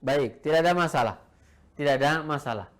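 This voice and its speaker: A man's voice: a little high, a little fast, fairly bright tone. A man teaching Arabic in an online lesson, repeating each phrase and translating it piece by piece. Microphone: video call.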